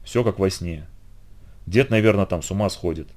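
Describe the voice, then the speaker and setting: A man voicing a frightened, honest young boy in an audiobook, soft and pleading. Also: low-pitched, moderate pace, lightly acted. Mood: anxious.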